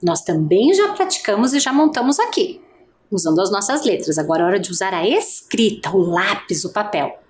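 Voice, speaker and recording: A woman's voice: medium pitch, sing-song, brisk, a little hiss or hum. A woman teacher giving an adult literacy lesson, speaking patiently and stretching out each vowel sound.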